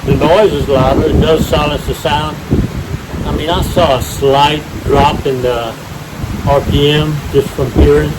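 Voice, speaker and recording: A man's voice: on the high side, fairly even intonation, measured pace. A man giving a casual, hands-on demonstration outdoors by a windy lake, plain-spoken and folksy, tending to repeat himself. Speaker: host of an outboard engine repair video channel. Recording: clear outdoor background noise by lake.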